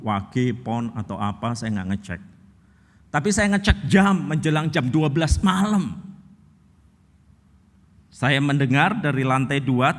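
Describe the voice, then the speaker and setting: A male pastor preaching a sermon as a humorous, animated storyteller. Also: on the high side, big-room sound.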